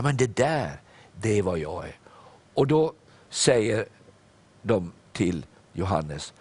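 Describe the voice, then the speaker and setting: Lively, husky-voiced male preacher. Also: on the low side. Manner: lively preaching, reads scripture aloud and acts out the dialogue; repeats words, says "eh". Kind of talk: sermon. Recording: broadcast program.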